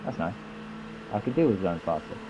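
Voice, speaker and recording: A man's voice: sits low, lively intonation, a little fast, lo-fi sound, noisy background. A man casually commenting on a racing game he is playing, rambling and poking fun at himself in a dry way. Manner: rambling, self-mocking and dry. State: feeling overheated. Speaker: let's play host.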